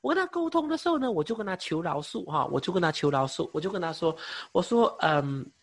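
A young man preaching and giving a personal testimony, halting with many fillers, speaking with emotion. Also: sits high, expressive. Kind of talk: sermon testimony.

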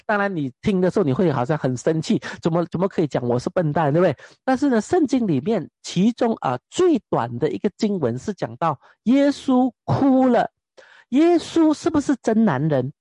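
A young man preaching a personal testimony sermon, animated and often asking his listeners rhetorical questions. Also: high voice, normal speed, no room sound.

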